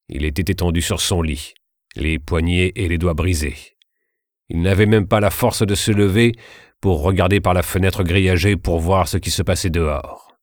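A man narrating a historical story in a measured, steady reading. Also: low-pitched, dry recording, studio quality.

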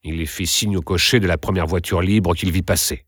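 A man narrating a classic novel aloud in an expressive, theatrical reading style. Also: low voice, moderate pace, no echo, studio quality.

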